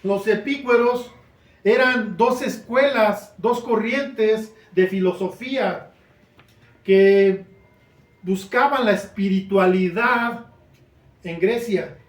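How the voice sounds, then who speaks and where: Slow, high-voiced pastor preaching. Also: male voice. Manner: earnest, rising to emphatic questions. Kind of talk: preaching a sermon. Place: church hall. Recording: roomy church sound from a distant mic.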